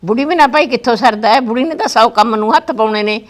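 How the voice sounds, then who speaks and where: A woman's voice: a little high, quick pace, lightly acted. A woman playing an older grandmother who talks in a bossy, matter-of-fact way, with a rural Punjabi accent. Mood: firm. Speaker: grandmother of the family.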